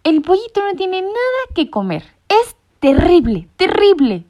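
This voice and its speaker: A woman's voice: very high-pitched, wildly swooping pitch, unhurried, darkish tone, voice pushed up, exaggerated voice. A woman voicing a fussy, know-it-all male cat who frets with dramatic exclamations. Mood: fretful. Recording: muffled lo-fi recording.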